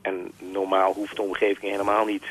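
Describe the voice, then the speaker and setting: A man from Groningen calling in to a radio show, heard over a telephone line, speaking in a halting, earnest way as he searches for words. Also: low-pitched, completely flat delivery, a bit bright. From Groningen, Netherlands. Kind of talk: phone-in conversation.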